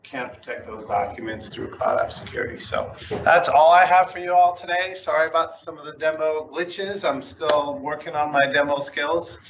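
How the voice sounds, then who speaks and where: A man wrapping up his software demo at a user-group meeting, explaining plainly. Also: on the high side, moderate pace, hardly any pauses, slight background noise. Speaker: guest presenter. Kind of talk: wrap-up of a demo. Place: meeting room. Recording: echoey room, dull mic.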